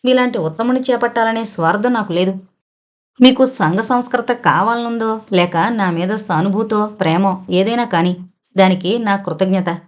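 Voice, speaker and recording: A woman's voice: mid-range voice, moderate pace, close to an everyday voice. A woman voicing a shamed, sorrowful young village woman who pleads earnestly in an audio novel. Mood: earnest pleading.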